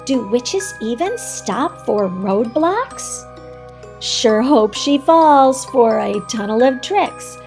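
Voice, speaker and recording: A woman reads a children's storybook as host, talking directly to young listeners with an animated, instructive manner. Her voice is fairly high and her pace slow, and faint music plays behind her.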